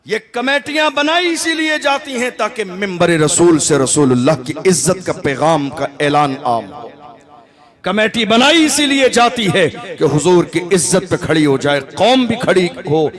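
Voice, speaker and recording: A man preaching at a public gathering, orating and swinging between shouts and hushed tones. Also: sits high, sing-song, unhurried, crowd noise. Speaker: Islamic preacher. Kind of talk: fiery public religious speech.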